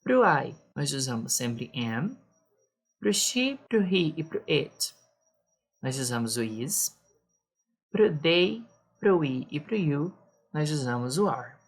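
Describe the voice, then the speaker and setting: A woman's voice: deep voice, sing-song, takes it slowly, pauses often, slightly rough. A woman teaching a beginner lesson, patiently explaining each point twice. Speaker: English teacher.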